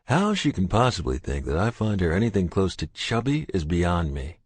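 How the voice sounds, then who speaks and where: A man narrating a romance audiobook in the first person, in a gruff, intense, steady way. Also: low voice, normal speed, dry recording.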